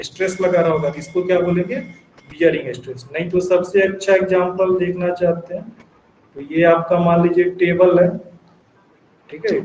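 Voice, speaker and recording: A man's voice: high voice, darkish tone, dull audio, a little hiss or hum. A man teaching engineering to a class, asking questions and answering them himself. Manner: dictates definitions slowly in English. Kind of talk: classroom lecture. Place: classroom with students. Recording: echoey classroom recording with faint ambience.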